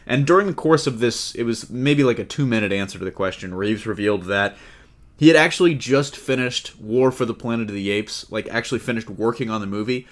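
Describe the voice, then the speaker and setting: This podcast host has a medium-pitched, brisk voice. He keeps things chatty and relaxed while discussing comic-book film news, joking around with his co-hosts.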